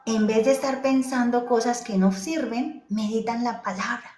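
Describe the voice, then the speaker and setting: A woman's voice: on the high side, steady tone, normal speed, darkish tone. A woman preacher, delivering a sermon emphatically, repeating key phrases and answering her own rhetorical questions. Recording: echoey room with faint music.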